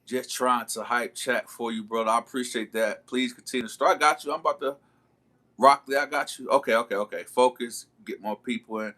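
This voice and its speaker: Man, livestreamer, slangy storytelling, talks straight to viewers, crisp bright tone. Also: medium pitch, fairly even intonation, a little fast. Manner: slangy, chatty, keeps calling out to viewers. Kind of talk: casual storytelling to a live chat.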